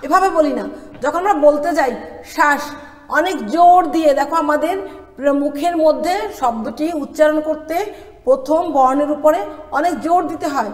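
Woman lecturer from Bangladesh, high voice, deliberate question-and-answer teaching, echoey hall sound. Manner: slow, emphatic, asks questions then answers them. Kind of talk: classroom pronunciation lesson.

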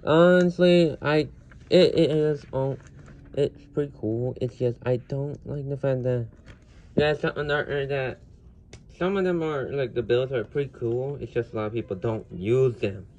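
A man giving a casual, unscripted toy review, rambling with many fillers and restarts and getting loud at times. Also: medium pitch, unhurried. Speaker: Lego reviewer. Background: faint household noise.

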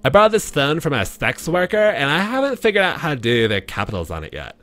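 A man voicing a flustered, apologetic, ditzy young woman in an exaggerated valley girl manner, reading out game dialogue in a high girlish voice. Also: wildly swooping pitch, brisk, a bit bright, soft background music. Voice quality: high-pitched put-on girlish voice. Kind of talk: mock voice-acting of game text.

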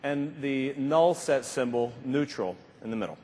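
With a warm, animated, mid-range voice and a slightly slow delivery, a man in his fifties gives an informal motivational keynote, emphatic and full of repeated phrases. He is on a large indoor conference stage wearing a lapel mic, and the big hall's reverb leaves his words slightly muffled.

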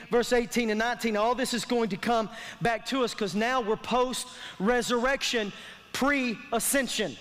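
A male pastor preaches a sermon from the stage of a large indoor church auditorium, speaking in an emphatic, colloquial, repetitive style that invites response. His voice is extremely high-pitched with a fairly bright tone, and the stage sound system adds a long hall reverb.

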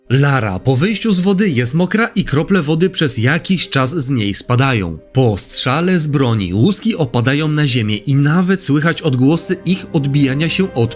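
A young man narrating a scripted retro game review in a wry, conversational way. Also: a little high.

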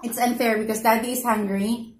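A mom chats to viewers in a somewhat high voice, coaxing her little one between bites. Her talk is easygoing and homey. The sound carries a roomy echo. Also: level tone, fairly quick. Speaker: family vlogger, mother. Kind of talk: casual mukbang chat to viewers.

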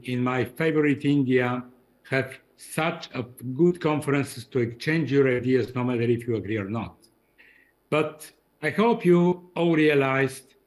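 Older man from Bulgaria giving a keynote. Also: medium pitch. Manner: emphatic, repeats key phrases. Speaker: keynote speaker. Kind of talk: keynote speech over video call. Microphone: video call.

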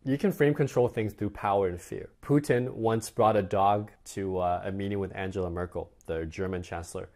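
A man's voice: fairly low pitch, fairly even intonation, moderate pace, hardly any pauses, darkish tone. A man teaching a dating course lesson in a conversational way, acting out example dialogues. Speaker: dating coach.

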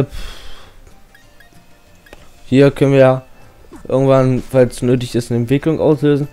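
A man's voice: mid-range voice, warm tone, smooth. A young man giving casual, slangy let's-play commentary as a channel host, often reading game text aloud.

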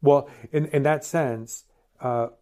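A middle-aged man, a priest co-hosting a podcast, talking in a lively, playfully opinionated casual chat. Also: medium pitch, slow. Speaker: priest co-host.

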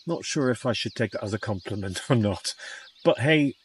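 Standing outdoors near his parked van and a beach shelter, a man in his fifties vlogs about van life in a chatty, calming, reflective manner. His fairly low voice is animated at a moderate pace, with a slight hiss or hum on the audio.

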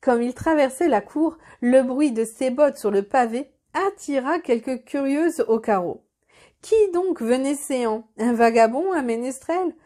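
High-voiced woman reading a fairy tale. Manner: measured, expressive reading. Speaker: storyteller. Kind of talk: reading a children's story aloud.

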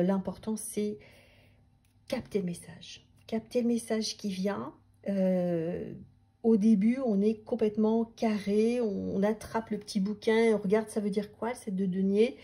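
Woman talking through her tarot method, warm mellow voice, a bit breathy, lots of restarts and soft half-whispered bits. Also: mid-range voice. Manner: thoughtful, restarts often, drops to near-whispers. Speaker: tarot teacher and coach. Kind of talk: unscripted teaching talk.

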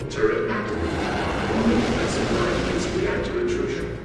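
A man voicing a robotic male turret system with a robot turret voice, making flat machine announcements. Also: normal speed. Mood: clinical. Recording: very echoey game audio with loud music.

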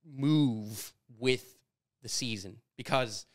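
A man in his thirties from Canada, talking through ideas in a casual conversation at a studio boom mic, animated and gesturing as he tells stories. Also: extremely slow. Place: studio with brick walls. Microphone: studio mic on boom arm.

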